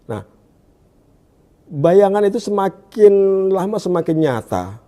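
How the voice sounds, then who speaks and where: A man from Indonesia recounts his experience in an interview, in a mellow, slightly raised voice. He talks haltingly and restarts as he hunts for the right word, then sinks to a hushed tone whenever he quotes. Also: sing-song. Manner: searching for words, halting restarts; drops to a hushed low voice when quoting. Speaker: guest giving a testimony. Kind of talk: conversational interview.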